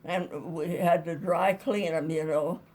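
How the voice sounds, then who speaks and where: Her voice lowish and a little mellow, a woman older than one hundred shares childhood memories as an interviewee. She speaks unhurriedly with fairly even intonation, in a casual, rambling, folksy manner.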